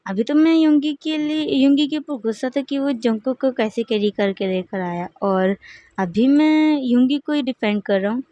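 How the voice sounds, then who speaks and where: Jealous hotheaded young guy snapping at people, woman reading it out, kinda high voice. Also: moderate pace, mellow, no room sound, highs cut off, natural voice. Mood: confused. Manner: angry, scolding. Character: jealous possessive young man, hot-tempered.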